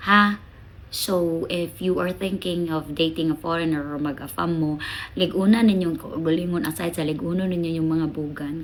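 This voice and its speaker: A Filipina vlogger with a Bisaya accent chats casually to the camera, handing out frank, emphatic advice peppered with rhetorical questions and little tag words. Her voice sits low and has a fairly bright tone.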